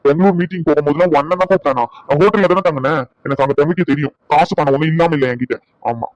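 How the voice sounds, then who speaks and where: Guy doing a sarcastic angry husband, fast talker, kinda dull lo-fi sound. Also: fairly high pitch, dry recording, soft background music, natural voice. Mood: bitter. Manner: scolding, bitter and sarcastic. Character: angry proud husband, adult man, short-tempered. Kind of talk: Tamil family drama acting.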